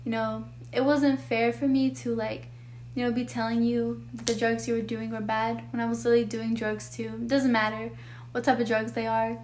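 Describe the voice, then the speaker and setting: A nineteen-year-old woman talks straight to the camera, pouring out a painful personal story in a rambling, emotional way. Her voice sits fairly high yet stays flat and level, and she leans on "like" and "you know" between thoughts. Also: moderate pace, slight background noise. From Texas. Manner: emotional, rambling, heavy use of "like". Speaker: vlogger.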